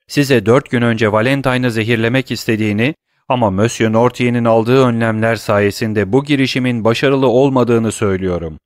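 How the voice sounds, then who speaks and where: A man reading the part of a desperate young lover who presses and pleads, his voice lifted a little higher and louder than plain narration. He sounds grieving and urgent, like a storybook hero at his breaking point, recorded dry and close. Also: no room sound, close to an everyday voice.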